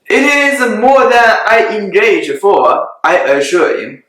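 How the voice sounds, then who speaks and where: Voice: medium pitch, very animated, takes it slowly, fairly bright tone. A reader voicing a dry, sarcastic older father who teases his wife, in a dramatic reading. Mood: teasing. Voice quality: dry, teasing. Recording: very echoey room.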